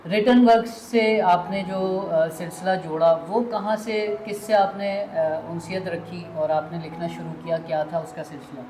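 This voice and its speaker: A male interview host who praises his guest warmly and laughs often. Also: sits high, hardly any pauses. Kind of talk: casual interview. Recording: echoey, noisy room.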